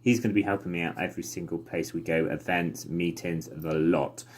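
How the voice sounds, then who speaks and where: Man, low voice, earnest, slightly hesitant, informal video message. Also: steady tone, brisk. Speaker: podcaster and awareness campaigner.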